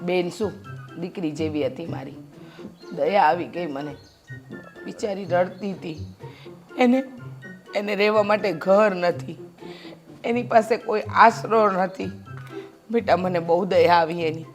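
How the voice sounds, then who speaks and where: A woman's voice: fairly low pitch, slow pace, long pauses, soft background music. An actress playing a kind-hearted middle-aged mother who talks earnestly and persuasively. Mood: persuading. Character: kind-hearted mother, lecturing her grown son. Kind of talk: short film drama acting.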